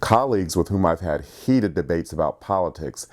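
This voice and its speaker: A man from Columbus, Ohio, a journalist, narrating a scripted personal story in a measured, reflective way. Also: deep voice, expressive, darkish tone. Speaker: journalist and filmmaker.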